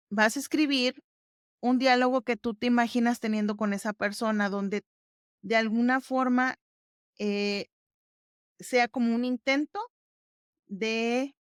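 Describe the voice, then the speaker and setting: Smooth-voiced woman explaining step by step. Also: a little high, no room sound, studio quality. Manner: explains step by step, conversational, warm fillers like "ujú". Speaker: podcast host. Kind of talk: casual podcast chat.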